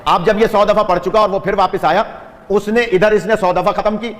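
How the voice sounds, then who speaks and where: A man's voice: high voice, steady tone. A man preaching at a religious gathering, telling a story with animation, chanting devotional phrases and urging listeners to stay awake. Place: large gathering hall with audience. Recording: long hall reverb.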